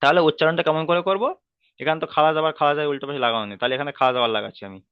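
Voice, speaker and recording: A man teaching an online class, patiently repeating rules and drilling letter sounds slowly. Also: a little high, animated, clear, resonant tone, dry recording, dull audio. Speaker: Quran reading teacher.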